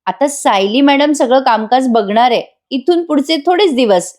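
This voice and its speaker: A woman's voice: sits high, animated, moderate pace, a little mellow, pitched above the performer's own voice. A woman voicing a helpful young male office assistant who reassures and takes charge. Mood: reassuring.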